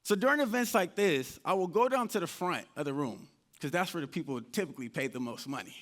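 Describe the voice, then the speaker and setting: Male motivational speaker with a high voice, animated storyteller who acts out his own dialogue on stage. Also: fast. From United States (Indianapolis). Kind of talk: live motivational storytelling talk. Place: event stage before an audience.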